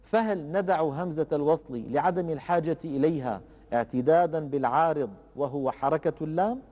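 A man teaching a lesson on Quran recitation rules, explaining in a measured way and slowing down to recite examples. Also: on the high side, dark tone, long reverb tail.

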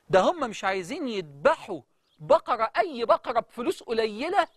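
A man's voice: extremely high pitch, fairly bright tone, no echo, studio quality. A man preaching in Egyptian Arabic, telling a story with dramatic recitation of verses. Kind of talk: lively religious talk.

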